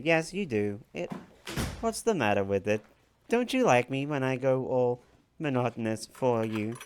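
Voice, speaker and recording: A woman voicing a robotic female AI version of herself on a live stream, speaking in a flat, monotonous way with dry teasing. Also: rumbling low, slight background noise, voice pushed down, full character voice.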